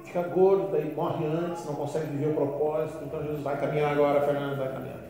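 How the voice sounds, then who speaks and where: A man pastor preaching a sermon, telling folksy humorous stories and swinging between loud emphasis and quiet asides. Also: a little high, flat delivery, fast talker. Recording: echoey hall with faint music.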